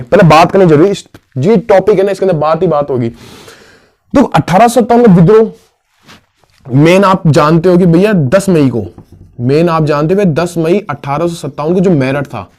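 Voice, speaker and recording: Casual history teacher, slightly high voice. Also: male voice, a little mellow. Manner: casual, asks and answers his own questions; calls listeners "bhaiya". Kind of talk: exam-prep history lesson.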